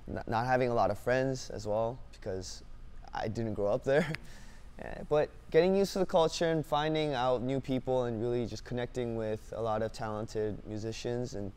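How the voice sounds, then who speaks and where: A young man, a singer-songwriter born in South Korea and raised in Canada, answering interview questions in a relaxed, upbeat way with lots of fillers, on a lapel mic in a dim studio. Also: medium pitch, normal speed, a little hiss or hum. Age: young adult. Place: dim indoor studio set.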